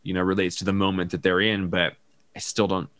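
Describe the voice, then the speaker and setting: A man hosting a relaxed comic book podcast, his voice bright and forward with a dry, close sound. His pitch sits on the low side, and he muses his way through ideas with plenty of filler words. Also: brisk, dry recording. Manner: rambling, thinking aloud with many fillers. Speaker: podcast host. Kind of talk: casual comic book discussion.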